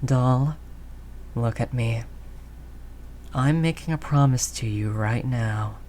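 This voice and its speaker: In an intimate audio roleplay, a low-voiced woman portrays a doting mafia heiress girlfriend who speaks in tough, slangy, affectionate terms. She talks slowly with a warm tone, sounding devoted and earnest, and there's slight background noise.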